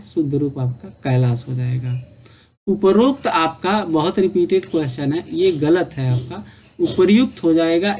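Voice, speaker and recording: A man's voice: a little high, a little mellow, slightly rough. A man teaching a spelling lesson for exam preparation, repeating each correction and leaning on the same filler phrases. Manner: repetitive, drilling corrections with filler "आपका".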